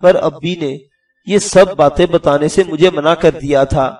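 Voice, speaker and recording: A man's voice: fairly high pitch, a little mellow, natural voice. A man voicing a hesitant, grieving younger brother who speaks in a subdued way, with a distant sound and faint music behind. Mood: pleading.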